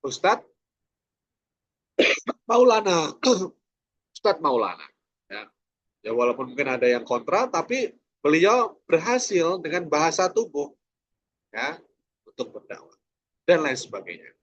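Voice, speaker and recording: A man's voice: fairly high pitch, sing-song, unhurried, long pauses, a bit bright, dull audio. A man teaching a preacher training class online, asking rhetorical questions and tagging his sentences with "ya". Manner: rhetorical questions, frequent "ya" tags.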